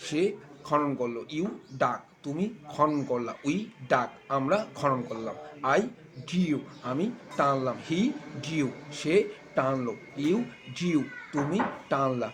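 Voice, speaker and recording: A man teaching an English tense lesson, slowly and deliberately repeating verb forms for the learners. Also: medium pitch, a crowd in the background. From Bangladesh. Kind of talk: spoken English lesson with drill repetition.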